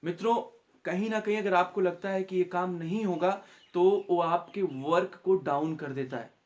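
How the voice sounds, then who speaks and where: A high-pitched young man speaks as a maths teacher giving students a motivational talk. He talks earnestly and now and then acts out the taunts and warnings of neighbours. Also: normal speed, a little mellow, muffled recording.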